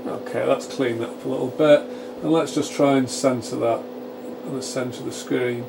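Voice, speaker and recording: Over clearly audible fan noise, a radio repair channel presenter with a mid-range voice and moderate pace thinks aloud and explains step by step. He is giving an informal, live-narrated technical demonstration in his small home electronics workshop, where test equipment cooling fans hum steadily.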